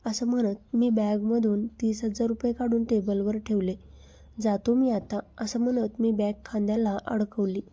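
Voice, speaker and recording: A woman narrates a story in a dark, mellow voice that sits a little high. Her pitch barely moves, so the reading stays even and measured from line to line.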